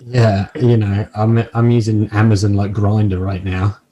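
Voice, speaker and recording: A man's voice: lowish voice, little pitch movement, unhurried, mellow, dull audio. A man chatting casually as a podcast host, with dry, self-deprecating, sweary humour. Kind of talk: casual comic chat.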